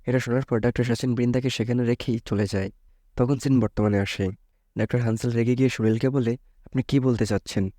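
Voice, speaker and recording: A man narrating a thriller plot recap in a casual, chatty way, tossing in joking asides. His tone is mellow and dark. He is recorded close on the mic and sounds dry. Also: mid-range voice, fairly even intonation, quick pace, dry recording. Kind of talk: casual movie plot retelling.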